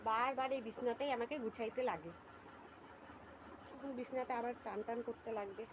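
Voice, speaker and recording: A woman's voice: a little high, fairly quick, noisy background. A young woman chatting casually to viewers about her household chores in a vlog. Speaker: vlogger. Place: rural home and riverside.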